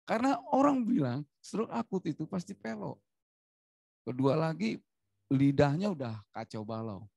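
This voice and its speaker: An Indonesian man in middle age preaches with a rough, gravelly voice. He delivers his testimony animatedly and keeps turning to the congregation. The sound is dry and close, with no room echo. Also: on the high side, normal speed. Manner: animated, frequently addressing the congregation. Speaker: evangelist preacher. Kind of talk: sermon testimony.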